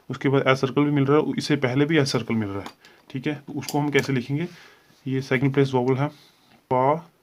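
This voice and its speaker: A man teaching a shorthand lesson, patiently walking through each sound and repeating his steps. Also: medium pitch. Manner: patient, repetitive, spells out sounds slowly. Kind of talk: classroom-style lesson explaining at a board.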